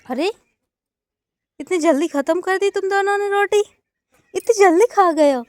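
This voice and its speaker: A young woman talks in a casual vlog, her voice high and bright. The sound is dry and close, with no room echo. She speaks playfully and coaxingly, as if feeding animals outdoors in a village. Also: moderate pace. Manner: playful, coaxing talk to calves, laughs often. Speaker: village vlogger. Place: outdoors at a village cattle shed.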